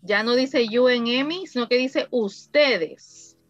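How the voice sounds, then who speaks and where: Woman, English teacher, dry close sound, slightly high voice. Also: dry recording, lo-fi sound, faint music behind. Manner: slow, careful, repeats phrases for students. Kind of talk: online class explaining grammar.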